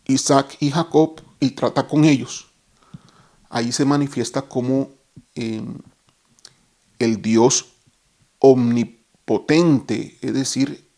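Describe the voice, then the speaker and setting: A man's voice: medium pitch, darkish tone. A man teaching a Bible lesson, explaining each term step by step and stopping to correct himself.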